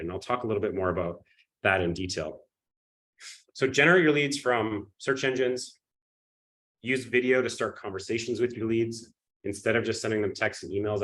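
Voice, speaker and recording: The audio is poor as a man presenting a live webinar pushes through an energetic pitch despite a cold, sniffling and coughing while regularly checking in with his audience.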